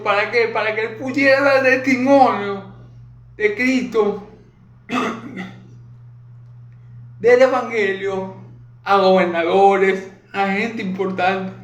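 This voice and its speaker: A man preaching a sermon on a Bible passage in an emphatic style, asking rhetorical questions and clearing his throat often. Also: sits high, steady tone, slow pace, pauses often, a bit bright, echoey room.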